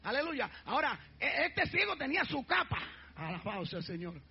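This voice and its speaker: A man preaching a fiery sermon as pastor, shouting out refrains and crying out praises between phrases. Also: very high-pitched, very animated, brisk, husky. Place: church. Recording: dull lo-fi church recording with faint music.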